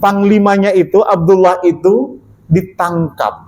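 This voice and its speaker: A male preacher telling a story in a sermon, animated, asking his listeners questions and repeating key lines. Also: high-pitched, measured pace, rough recording. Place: mosque.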